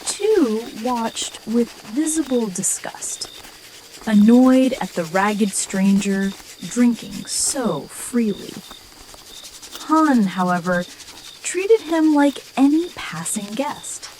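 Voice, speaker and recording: A woman tells a sleep story in an ASMR whisper. Her delivery is very slow, yet the pitch moves about in a lively way. Clear night ambience with crickets sits behind her voice. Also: a little hiss or hum, rough recording. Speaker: storyteller narrator.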